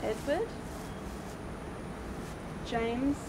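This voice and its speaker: Young woman, paranormal vlog host, casual and chatty, slightly high voice, outdoor night recording with audible background noise. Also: expressive, very slow. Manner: chatty, reading out names from headstones.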